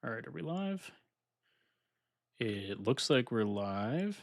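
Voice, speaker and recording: Taking it slowly, a man with a medium pitch and noticeable vocal fry runs a relaxed live stream, narrating his software setup at the computer. He's still recovering from illness and sounds slightly congested and somewhat nasal.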